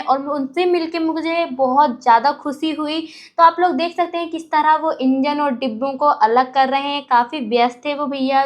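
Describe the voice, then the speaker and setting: A young woman narrating her travel vlog as a lively, chatty voice-over. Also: high-pitched. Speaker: vlogger.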